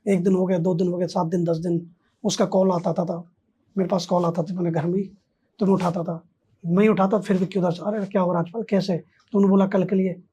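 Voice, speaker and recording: A man's voice: high-pitched, little pitch movement, brisk, dark tone, breathy edge. A man, a podcast guest, telling a story in casual conversation and acting out both sides of the dialogue.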